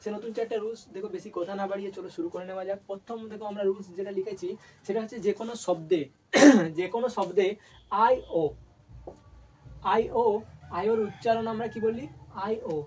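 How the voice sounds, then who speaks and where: Male teacher from West Bengal, husky voice, distant mic, asks and answers his own questions, repeats words. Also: high-pitched, fast talker, darkish tone. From West Bengal, India. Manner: asks questions and answers them himself, repeats each word. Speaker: English teacher. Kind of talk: spoken language lesson.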